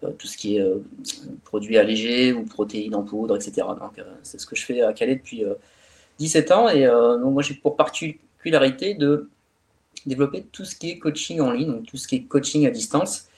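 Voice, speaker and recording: Man, from northern France, mid-pitched voice, relaxed, chatty coach, lots of fillers. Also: a little fast. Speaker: fitness coach. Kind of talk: casual webinar talk.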